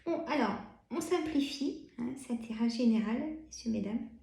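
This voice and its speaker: Tired woman with a Burgundy accent, slow and chatty card reader, slightly high voice, echoey room. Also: lively intonation, vocal fry. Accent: Burgundy French. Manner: chatty, filler-heavy, frequent "hein" and soft laughs. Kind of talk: casual card-reading video.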